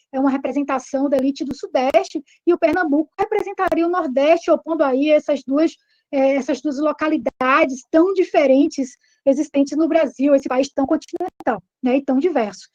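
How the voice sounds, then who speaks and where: A woman's voice: sits high, moderate pace, darkish tone, highs cut off. A woman with a Brazilian Portuguese accent teaching an online exam-prep lecture, explaining step by step and checking in with tag questions.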